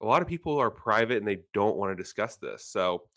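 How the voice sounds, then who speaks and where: Brief: male financial planner, host, slightly low voice, relaxed and wry. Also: fairly quick. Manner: easygoing, self-deprecating humor. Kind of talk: casual podcast chat.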